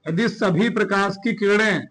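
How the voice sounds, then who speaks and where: A male physics teacher dictating a classroom lecture, repeating phrases slowly and quizzing his students. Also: sits high, fairly bright tone.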